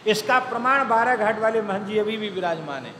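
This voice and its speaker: A man's voice: sits high, animated, a little fast, bright, forceful tone. A man giving a devotional discourse as a spiritual teacher, telling stories and repeating key phrases for emphasis. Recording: echoey hall with faint background noise.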